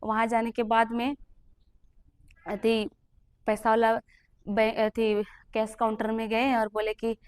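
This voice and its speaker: Young woman, fairly high voice, emotional testimony teller, dry sound. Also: completely flat delivery, takes it slowly, long pauses, clear, resonant tone, dry recording. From Jharkhand, India. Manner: earnest and emotional, acting out the people she quotes. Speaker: testimony giver.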